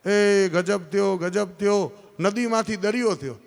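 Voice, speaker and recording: A man storyteller voicing a flustered, bewildered old village priest who shouts in alarm, in a reverberant hall. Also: high voice, moderate pace, clear, resonant tone, pitched above the performer's own voice, close to an everyday voice. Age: older.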